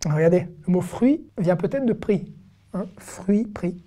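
A woman teaching an online language lesson, patiently explaining and repeating sounds slowly for learners. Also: lowish voice, expressive, dark tone, slightly rough. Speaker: Hebrew teacher.

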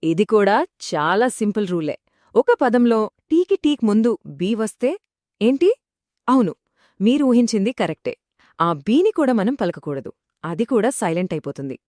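Woman cohost giving pronunciation tips, super expressive pitch, dry sound, no room. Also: normal speed, dry recording. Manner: encouraging, stresses tips and common mistakes. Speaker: pronunciation co-teacher. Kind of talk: scripted explanatory lesson.

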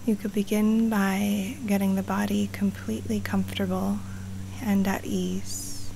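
Very slow, soft breathy woman guiding relaxation. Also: mid-range voice, slight background noise, poor audio. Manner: calm, soothing, with long pauses. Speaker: yoga nidra teacher guiding a meditation. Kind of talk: guided relaxation meditation. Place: outdoors or open space in the jungle. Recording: live outdoor recording with jungle wildlife sounds. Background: faint jungle birds and insects.

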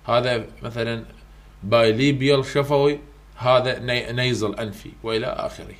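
A man's voice: medium pitch, steady tone, brisk. A man with an Iraqi Arabic accent, a university English tutor going through exam question types in a casual, repetitive way, dropping English terms into his talk. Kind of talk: exam-prep lesson.

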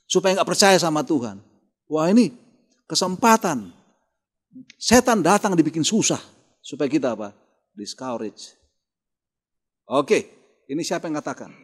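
A man's voice: a little high, sing-song, unhurried, pauses often. A man with an Indonesian accent preaching a morning devotional sermon in church. He reads scripture and then quizzes the congregation with questions he answers himself. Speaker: pastor.

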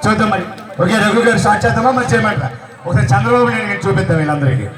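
A man from Andhra Pradesh working as a mimicry artist and host on a live stage, chatting loudly with the audience and teasing it. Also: high-pitched, expressive, racing. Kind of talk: live stage comedy banter. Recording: echoey outdoor stage, distant, crowd noise.

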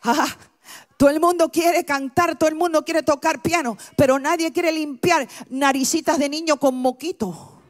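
A middle-aged woman pastor giving a sermon, preaching with passion and building to high-pitched shouts. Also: steady tone, normal speed.

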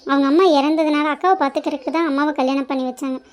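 A woman's voice: high voice, fairly even intonation, rapid-fire, lightly acted. A woman voicing a spirited young woman who scolds her mother and defends her elder sister in a cartoon. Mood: resolute. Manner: indignant, earnest, protective. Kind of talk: cartoon voice acting.

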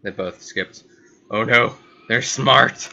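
Hosting a gaming channel, a man rambles through casual let's play commentary, repeating himself as he thinks aloud. His medium-pitched voice is slow and sharp, with vocal fry, over faint background noise.

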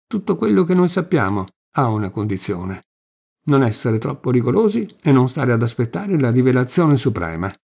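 A man reading the part of an ironic, calm man in a debate, with a gravelly voice. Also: mid-range voice, normal speed, heavily acted. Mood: calm wry. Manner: calm, wry. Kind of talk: audiobook reading.

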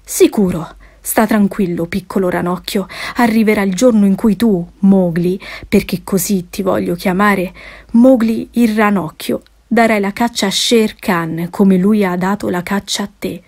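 A woman voicing a fierce, protective mother wolf, speaking slowly and emphatically. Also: medium pitch, darkish tone. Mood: determined.

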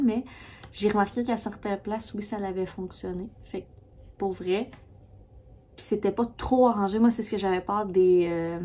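A Québécois woman talks through her favourite hair and skin products in a loose, rambling vlog chat. Her pitch sits in an ordinary middle range, and she keeps stopping to restart her sentences. A faint hiss of noise runs underneath. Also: warm tone. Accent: Québécois French. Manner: chatty, rambling with many fillers and restarts. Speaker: beauty vlogger. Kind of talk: casual product review.

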